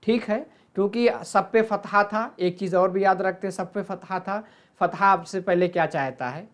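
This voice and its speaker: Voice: medium pitch, normal speed. A teacher, patiently explaining a grammar lesson over slides and drilling verb forms aloud.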